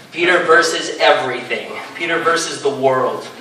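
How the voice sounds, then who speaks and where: On a panel, a comic book writer talks eagerly and rambles, packing in fillers and restarts in casual conversation. His voice is a little high, bright, and forceful, delivered slowly, and the recording catches an echoey hall with him far from the mic amid faint noise.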